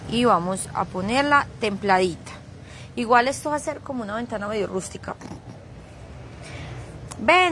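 A woman's voice: fairly high pitch, a bit bright, slight background noise. A woman leading a live craft tutorial, chatty and teasing, dropping playful sound effects as she works. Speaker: craft instructor streaming live.

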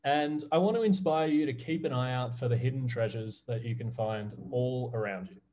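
An Australian man in his thirties with an Australian accent speaks at normal speed in a medium-pitched, darkish voice. As a guest presenter, he gives kids a friendly, upbeat online class presentation over a video call.

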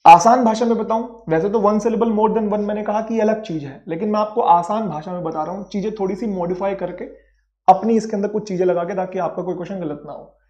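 A man with a high, mellow voice teaches grammar for competitive exams. He talks casually, voicing the questions his students might ask and checking that they follow. The recording sounds dull and lo-fi. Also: steady tone, brisk. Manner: conversational, acts out students' questions, asks checking questions. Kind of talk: exam-prep grammar lesson.

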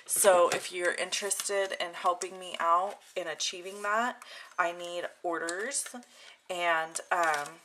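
Speaking slowly and steadily in a fairly low, sharp-toned voice, a woman hosts a hands-on craft demonstration, narrating it casually with informal, chatty phrasing. She's at an indoor craft desk, and the low-quality recording carries clear background noise with clicking.

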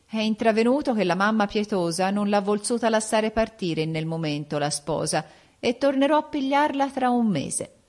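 A woman's voice: medium pitch, lively intonation, moderate pace, a little mellow, voice pushed up, natural voice. A woman reading the part of a jealous king, raising her voice in accusing outbursts. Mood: questioning. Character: angry jealous king, man.

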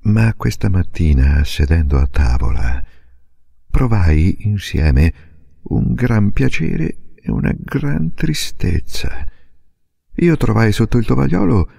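A man reading a classic novel aloud as expressive, dramatic audiobook narration, with a gravelly, husky voice. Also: lowish voice, takes it slowly, no echo, studio quality. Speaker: audiobook reader.

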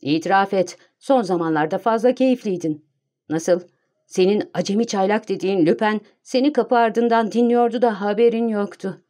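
Brief: a mocking, theatrical gentleman thief read by a woman, warm dark voice, storybook. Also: medium pitch, normal speed, lightly acted. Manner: teasing, theatrical showman.

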